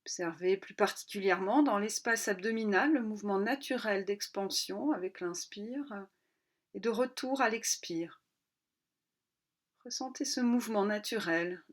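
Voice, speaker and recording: A medium-pitched female voice guides a yoga nidra relaxation, speaking in short instructions. Pauses separate the phrases, and the pace stays calm and slow.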